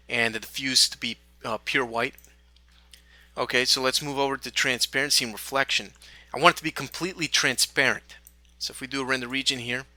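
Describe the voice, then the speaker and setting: A man teaching a software tutorial, talking through each step in a relaxed way with small fillers. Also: mid-range voice, dry recording. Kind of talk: screen-recorded software tutorial.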